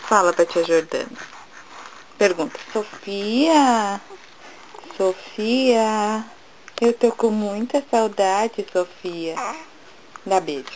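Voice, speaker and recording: Woman cooing to her baby, slow and soft. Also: medium pitch, slight background noise, poor audio. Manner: soft, affectionate baby talk. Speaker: mother.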